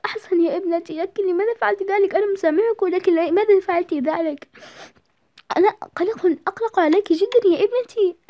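A woman's voice: extremely high pitch, quick pace, warm tone, pitched above the performer's own voice. A woman voicing a stern, worried father who scolds his daughter with anxious questions. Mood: pleading.

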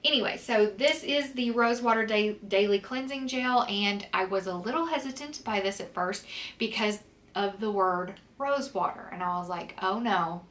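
A woman's voice: mid-range voice, moderate pace, a bit bright, distant mic. A woman vlogger reviewing skincare in a chatty, casual way with many "um"s and "like"s, a little stuffy and sniffly from a cold. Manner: chatty, lots of "um" and "like". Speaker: beauty vlogger. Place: home, in winter with snow outside.

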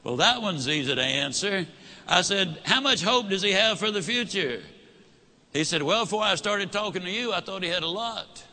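A man's voice: high voice, animated, normal speed, pushed and bright, a little hiss or hum. A man giving a motivational talk, telling a story and acting out both sides of a conversation. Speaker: motivational speaker.

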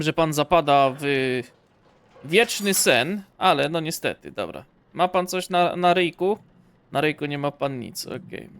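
A man's voice: fairly high pitch, creaky, a bit bright, clean tone. A young man giving playful let's-play commentary, joking and talking to the corpse and the game as he plays. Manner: jokey, talks to the corpse and the game. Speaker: gamer streamer.

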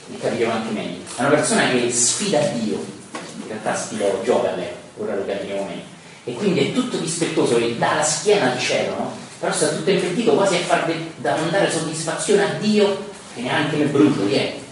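A man giving a live lecture on poetry, with rhetorical asides and verses read slowly and with emphasis. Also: medium pitch. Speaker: lecturer on Dante. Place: lecture room, recorded from afar. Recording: very echoey room, distant mic, faint hiss.

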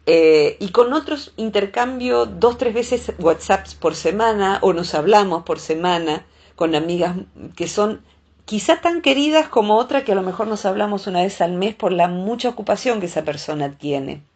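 A woman with a Rioplatense Spanish accent, a psychologist explaining relationships in a thoughtful way, pausing often to gather her thoughts. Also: mid-range voice, expressive, darkish tone, slightly rough. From Argentina. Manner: thoughtful, explaining with frequent hesitations.

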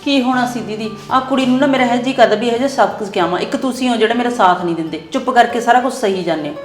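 A young woman talks fast and a little high, indignant and complaining. She is in an echoey room with faint music behind her. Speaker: daughter-in-law in a family skit.

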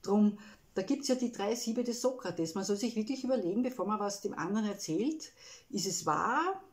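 A woman with an Austrian accent gives a personal, reflective self-help talk, speaking emotionally and haltingly with frequent tag words. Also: mid-range voice, animated. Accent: Austrian German.

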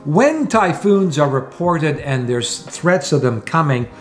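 A man's voice: a little high, expressive, takes it slowly, soft background music. A man in his sixties talking to camera from a small room at home, explaining things earnestly point by point as a sailing vlogger. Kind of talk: to-camera vlog talk.

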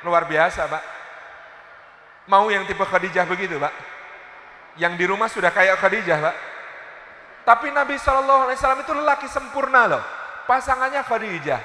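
A man preaching a sermon in a large mosque, telling stories with lively, playful asides to the audience. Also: high voice, normal speed, long pauses. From Indonesia. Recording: echoey hall reverb.

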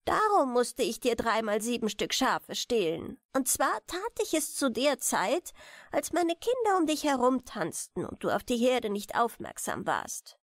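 A woman's voice: on the high side, very animated, measured pace, no echo, clean studio sound. A woman voicing a small, aged, solemn grey dwarf king who pleads earnestly in a German fairy tale. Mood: sorrowful recounting.

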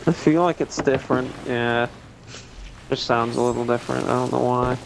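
A young man captaining a pirate ship in a game, giving quick orders and joking. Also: mid-range voice, steady tone, creaky, a little hiss or hum, low-quality recording. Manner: gives quick orders, jokey pirate growls. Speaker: gamer playing ship captain. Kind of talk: casual gameplay chat. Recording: game music behind the voice. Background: game music.

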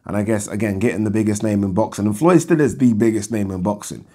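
A man in his thirties with a croaky, just-woken voice, giving casual commentary to camera in a conversational way. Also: fairly low pitch, quick pace, warm tone. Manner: conversational, rhetorical questions with 'right?' tags. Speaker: boxing talk show host. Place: indoors, small furnished room.

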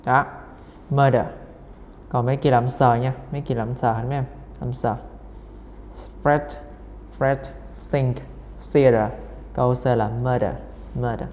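A man's voice: medium pitch, level tone, fairly quick, a little mellow. A man teaching English as he works through exam questions, repeating each word over and over with many fillers. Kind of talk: exam-solving lesson. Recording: reverberant room, faint noise.

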